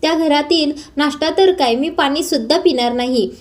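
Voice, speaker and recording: A woman's voice: high-pitched, normal speed, lightly acted. Woman voicing a stern, angry man.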